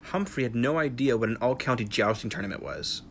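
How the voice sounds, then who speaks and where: A man's voice: mid-range voice, animated, fairly quick. A man narrating a comic tale as a droll, mild storybook narrator, wry and understated. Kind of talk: scripted narration. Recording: faint background noise.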